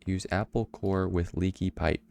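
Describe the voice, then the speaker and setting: A man streaming a video game, reading clues aloud and making wry, deadpan quips. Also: sits low, unhurried, vocal fry. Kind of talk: casual gameplay commentary.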